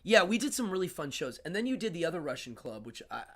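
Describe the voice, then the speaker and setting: This New York City host of a casual live-stream interview has a nasal voice on the high side and a fast delivery. He tells stories in an animated way, laughing a great deal as he goes.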